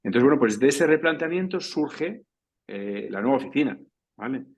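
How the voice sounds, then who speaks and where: This panelist is a man with a medium-pitched, darkish, breathy voice, lively intonation and a moderate pace. In a professional round-table he speaks discursively and checks in often, punctuating his points with "¿no?" and "¿vale?".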